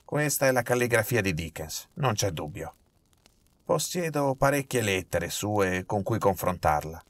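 A man voicing a nervous, miserly old male collector, fussy and quick to protest. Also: fairly low pitch, very animated. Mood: indignant.

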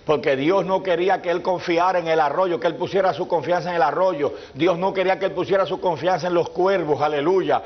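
A man preaching a fervent sermon in church, peppering it with hallelujahs and breaking into shouts. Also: high voice. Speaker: pastor. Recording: dull lo-fi church recording.

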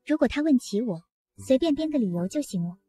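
A woman's voice: high-pitched, expressive, quick pace, warm tone. A woman voicing a cold, aloof wealthy young man who speaks curtly in an audio comic story. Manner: curt and cold.

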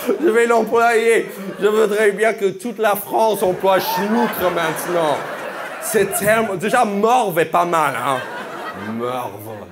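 High-voiced and slow-paced, this comedian does crowd work before a live audience at a comedy venue, teasing people with playful, incredulous questions. The audience and room noise can be heard throughout.

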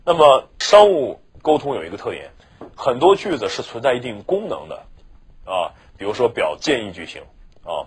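A man's voice: on the low side, breathy edge. A male teacher giving a chatty exam-prep lecture, often checking with his students for agreement. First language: Mandarin Chinese. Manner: chatty, keeps asking "是吧" for agreement.

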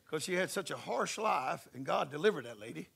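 A male preacher tells a story in a folksy, lively way. His voice is heavily gravelly and husky, and it sits a little high for a man. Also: fairly quick. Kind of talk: sermon with storytelling. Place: church service.

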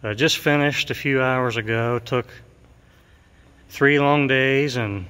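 A man's voice: mid-range voice, slow pace, smooth. Man touring an echoing gym. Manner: relaxed, chatty, many fillers. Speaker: mural painter giving a tour. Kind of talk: casual walkthrough narration. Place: large empty school gymnasium. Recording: long gym reverb.

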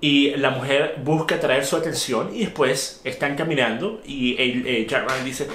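A man delivers an opinionated review monologue. His voice sits at an ordinary middle pitch, and he presses his points with indignant emphasis and rhetorical questions. The recording carries noticeable room echo. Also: moderate pace, fairly bright tone, slight background noise. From Venezuela. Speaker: video commentator.

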